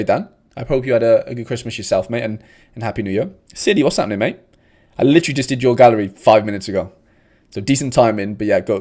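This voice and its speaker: A fairly low, dark voice belongs to this young South Welsh host, who chats casually on a livestream in his South Welsh accent. He keeps it laid-back and uses "mate" frequently.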